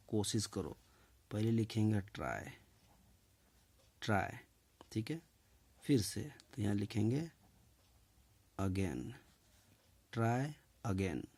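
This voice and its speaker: A man hosting his own channel, teaching spoken English in a slow, deliberate way, repeating each phrase and often checking in with "okay". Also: fairly low pitch, mellow.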